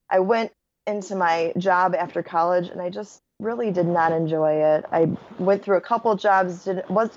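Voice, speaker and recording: A woman in her thirties, a wedding photographer talking as a podcast guest, bubbly and quick to laugh, with lots of "like". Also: lowish voice, highs cut off, a little hiss or hum. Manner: bubbly, laughs often, says "like" a lot. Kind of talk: casual interview chat.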